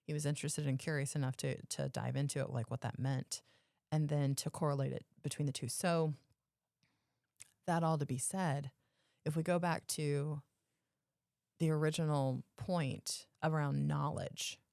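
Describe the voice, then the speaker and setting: A podcast co-host with a very low voice for a woman chats casually, her speech heavy with vocal fry and recorded dry and close with no echo. She explains things emphatically and keeps circling back to rephrase. Her intonation stays fairly even, at a normal speed, with a slightly mellow quality.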